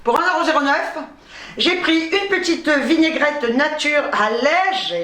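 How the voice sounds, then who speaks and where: A woman's voice: on the high side, a bit bright, recorded from a distance. A woman vlogger chats casually about her groceries, blunt and breezy, swearing without fuss. She sits back from the mic, and the room gives her voice a noticeable echo. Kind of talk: casual haul vlog. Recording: roomy, from off-mic.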